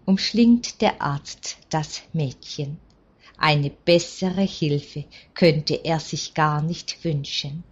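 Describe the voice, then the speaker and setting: A woman reads a story aloud at a very slow pace, calm and measured. Her voice sits low, and the recording sounds dull and lo-fi. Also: breathy edge. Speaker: story reader.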